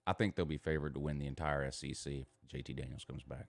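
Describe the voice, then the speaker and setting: A morning show host with an extremely low voice and a Southern US accent talks quickly with fairly even intonation, recorded with no echo. On his casual sports banter show he is emphatic and boastful, repeating himself and swearing freely.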